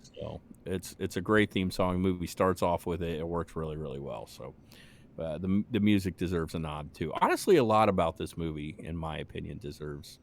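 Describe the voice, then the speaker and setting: A man's voice: low-pitched, lively intonation, fairly quick, vocal fry. A man co-hosting a podcast, chatting casually with fillers and easy laughs. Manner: rambling, laughs easily, many fillers. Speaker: podcast co-host. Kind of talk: casual chat.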